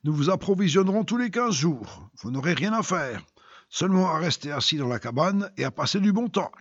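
A man's voice: a little high, animated, brisk, no echo. A man voicing an eager landowner who urges in a raised voice. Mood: persuasive. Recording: dull lo-fi recording.

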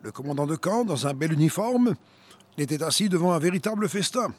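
A man's voice: on the high side, animated, brisk. A man preaching and reading a testimony aloud with earnest, dramatic storytelling.

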